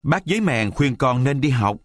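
A man voicing a mischievous young wooden puppet boy in a storybook reading, talking in a high childlike whine. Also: lively intonation, moderate pace, no room sound, close to an everyday voice. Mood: earnest.

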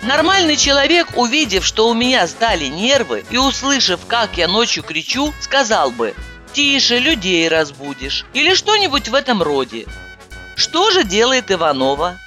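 A woman reading a comic first-person audiobook with animated, exasperated outbursts. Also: fairly high pitch, normal speed, music in the background. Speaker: audiobook narrator.

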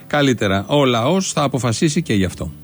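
A man's voice: mid-range voice, animated, noisy background. A man delivering a satirical monologue with dry, mock-solemn irony. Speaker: comedy show host.

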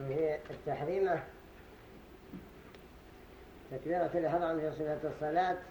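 A man teaching as a sheikh in a study circle. He gives a deliberate religious lesson and repeats phrases to show how they should be pronounced. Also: a little high, a little mellow. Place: study gathering in a mosque hall. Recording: roomy echo with faint hiss.

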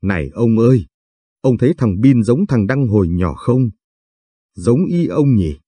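A scolding elderly mother-in-law from a spoken story, as a man reads her lines. Her voice is husky and dark, and she lays blame with a cutting edge. The recording is dry and close. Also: medium pitch, lively intonation, measured pace, no echo. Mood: coaxing. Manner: scolding, accusing. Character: sharp-tongued elderly village mother-in-law.

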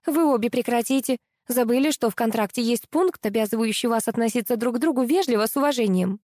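A woman's voice: on the high side, quick pace, a little mellow, no echo, studio quality, pitched above the performer's own voice, close to an everyday voice. A woman voicing a stern female show manager who scolds and keeps order. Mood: scolding. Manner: curt, scolding.

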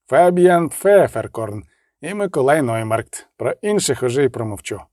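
A man's voice: medium pitch, expressive, normal speed, a little mellow, dry recording, studio quality, lightly acted. A man voicing a curt, commanding knight-mercenary leader who gives clipped, irritable orders.

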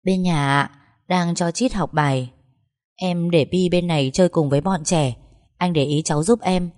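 A woman reading the lines of a cheerful young woman in a hurry to go on duty, friendly and quick. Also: on the low side, darkish tone, close to an everyday voice.

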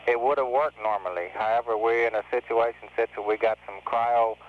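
A man's voice: mid-range voice, fairly even intonation, fairly quick. An American man at mission control on astronaut radio, explaining technical matters in a hesitant way. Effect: radio transmission. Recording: muffled, noisy 1970s mission radio. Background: faint radio noise.

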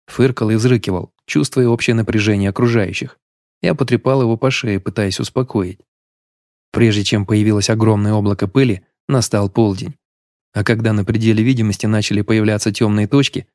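A man narrating a first-person audiobook story in a steady, even way. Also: fairly low pitch, no echo, clean studio sound.

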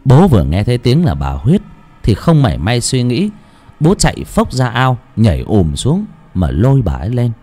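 Brief: male audiobook narrator, warm, dark tone, highly animated delivery. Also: moderate pace. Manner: expressive storytelling with wide swings in pitch. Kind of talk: scripted horror story narration. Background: faint music.

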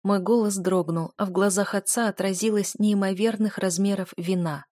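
A woman's voice: mid-range voice, fairly even intonation, normal speed, darkish tone, no room sound. Woman narrator, audiobook reading, dramatic delivery, dry close sound.

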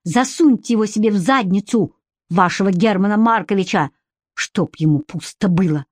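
A woman's voice: medium pitch, normal speed, no room sound, studio quality, lightly acted. A woman reading as a weary, defiant young woman who speaks with cutting irony. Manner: ironic and cutting, flares into anger.

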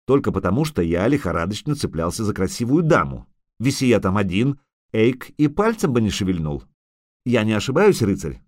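A man's voice: on the low side, big pitch swings, fairly quick, a little mellow, no echo, studio quality. A man voicing a cold, sarcastic male monster hunter who speaks with formal, bitter irony.

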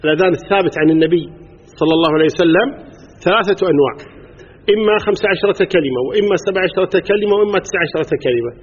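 A man with a Kuwaiti Arabic accent teaches a class on religious law at a very fast clip, pausing to quiz his listeners and count items aloud. His voice sits high and sounds somewhat husky. The recording is dull and lo-fi, with a long hall echo trailing each phrase. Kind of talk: religious lesson to a live class.

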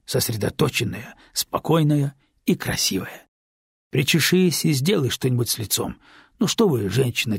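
A man's voice: mid-range voice, vocal fry, slightly rough, no room sound, studio quality, full character voice. A man reading the part of a stern, decisive middle-aged man in an audiobook, firm and brusque in his commands.

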